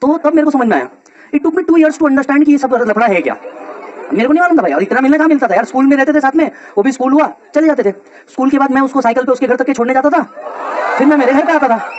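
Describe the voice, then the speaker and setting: High-voiced, fast-talking male teacher. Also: dull audio, a faint crowd. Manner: animated, slangy, banter-heavy storytelling. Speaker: CA exam teacher. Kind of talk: motivational storytelling lecture to students.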